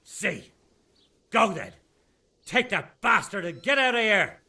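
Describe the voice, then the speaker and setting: An actor playing a furious, grieving village man who swears and shouts for revenge in a game. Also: high voice, big pitch swings, slow, vocal fry, husky, heavily acted. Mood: bitter. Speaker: vengeful villager.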